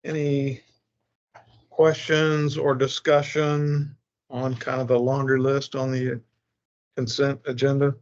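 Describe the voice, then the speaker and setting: A man chairing a public board meeting, speaking procedurally and haltingly as he works through formal business. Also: medium pitch, little pitch movement. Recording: muffled, band-limited meeting recording.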